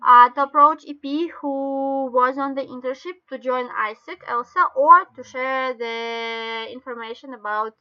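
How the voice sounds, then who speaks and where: A woman with a Russian accent explains things step by step in halting non-native English, like an informal online training session. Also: sits high, fairly even intonation. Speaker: webinar presenter. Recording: dull lo-fi webinar call audio.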